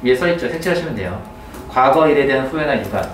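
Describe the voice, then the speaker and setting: A man's voice: medium pitch, lively intonation, a little hiss or hum. Man teaching a class in an echoey room. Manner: keeps checking in with the class through quick questions. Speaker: English teacher. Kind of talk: classroom grammar lecture. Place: classroom with students. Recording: roomy classroom, mic at a distance.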